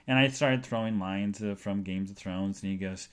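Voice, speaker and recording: A man hosting his own podcast, telling everyday stories in a rambling, jokey, animated way. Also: fairly low pitch, normal speed, smooth. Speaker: podcast host. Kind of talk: casual storytelling monologue.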